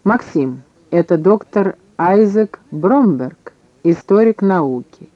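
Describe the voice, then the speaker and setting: A man's voice: sits high, animated, takes it slowly, mellow, no room sound, dull audio, exaggerated voice. A man voicing a weary older official who talks in curt, grumbling orders in an audiobook. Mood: grumpy.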